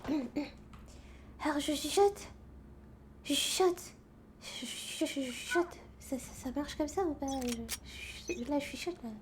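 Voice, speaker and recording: A woman's voice: sits high, takes it slowly, darkish tone, a little hiss or hum, pitched above the performer's own voice. A woman playing a nervous beginner ASMR performer in whispered role-play, hesitant and stumbling over her words. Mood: fumbling. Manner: hesitant, stumbling, many fillers.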